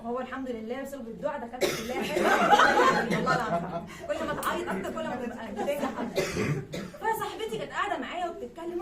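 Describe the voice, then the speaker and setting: Young egyptian woman, live comic storyteller, high voice, quick talk, echoey hall, distant mic, background noise. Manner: lively, animated, laughing through her words.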